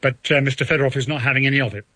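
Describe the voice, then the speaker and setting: Man, diplomatic correspondent, analytical, bright, husky voice. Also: medium pitch, steady tone, rapid-fire. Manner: articulate, analytical. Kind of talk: live news analysis.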